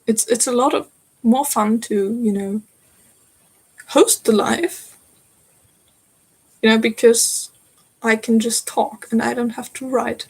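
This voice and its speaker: A German-accented woman in her twenties hosts a live crafting stream from home, chatting casually, giggling and answering chat comments. Her voice is a little high, steady, slow, slightly mellow and husky, with frequent pauses, in a low-quality recording.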